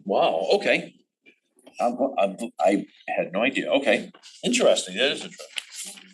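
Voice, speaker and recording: A man chairing a town commission meeting, reading public comments with many pauses and filler words. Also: lowish voice, sing-song, fairly bright tone, slight background noise, poor audio. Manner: halting, many ums and restarts.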